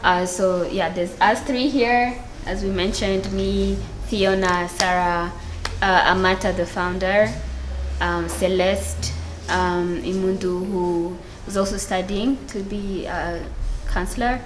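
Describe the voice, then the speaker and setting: A woman from Rwanda, an economist and analyst, speaking briskly in a group interview. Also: medium pitch, steady tone, a little hiss or hum.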